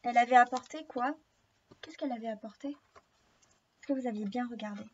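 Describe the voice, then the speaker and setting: A teacher reading a story aloud to young children, slowly and gently, stopping to explain words and ask questions. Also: female voice, a little high, slight background noise. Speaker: preschool teacher. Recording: slightly dull lo-fi recording.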